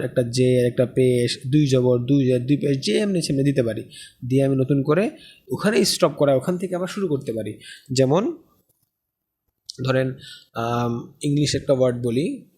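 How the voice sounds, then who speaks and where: A man speaking leads a recorded language lesson. His voice is slightly husky and mid-pitched. He explains step by step and keeps checking in with rhetorical questions. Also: darkish tone. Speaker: Arabic teacher.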